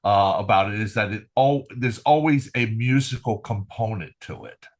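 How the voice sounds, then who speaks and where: A man's voice: on the low side, expressive, moderate pace. Older man telling stories with many fillers. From Finland. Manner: rambling, many "uh" fillers, good-humored. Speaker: guest, retired military trumpeter. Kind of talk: relaxed podcast interview storytelling.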